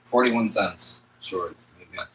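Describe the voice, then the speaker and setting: A man's voice: deep voice, slow, background noise. A young man streaming casual chat outdoors on a phone while walking home, rambling with lots of "like" and "you know".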